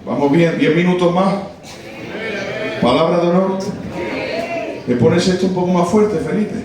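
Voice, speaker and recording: A man preaches a sermon in a very high voice, driving home points with repetition and bursts of shouting. He is picked up from well away from the mic, and the church hall around him rings with heavy echo. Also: a little slow, far from the mic, crowd noise. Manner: impassioned, rising to shouted, repetitive emphasis.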